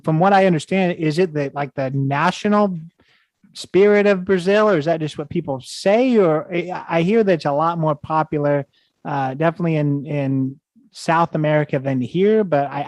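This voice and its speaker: Man, podcast host, rambling, hesitant, false starts, fairly high voice, dry close sound. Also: darkish tone, no room sound. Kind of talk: casual podcast interview.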